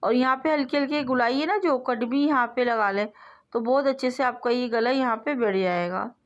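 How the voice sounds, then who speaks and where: A woman with a slightly high voice hosts a sewing tutorial, speaking as a voice-over. She explains every step patiently and repeats her phrases. She often lets her voice fade softly as she finishes a step. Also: normal speed. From South Asia. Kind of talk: instructional voice-over.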